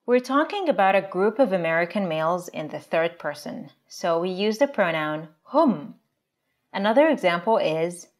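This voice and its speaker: A woman teaching a language lesson as the show's teacher, explaining grammar in a clear, deliberate way and slowing down for example phrases. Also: fairly low pitch. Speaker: Arabic teacher.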